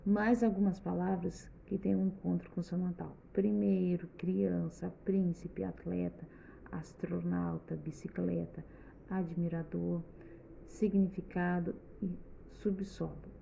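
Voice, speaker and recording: Gravelly-voiced teacher guiding children. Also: female voice, on the low side, flat delivery, takes it slowly, dark tone, slight background noise. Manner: patient, explains step by step, often checks in with the children. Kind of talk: remote schoolbook lesson for children.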